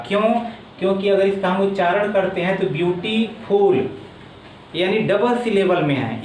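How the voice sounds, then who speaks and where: High-voiced man teaching grammar. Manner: slow, step-by-step explaining, repeating each word form. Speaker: English teacher. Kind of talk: explaining grammar in a video lesson. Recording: echoey room with faint background noise.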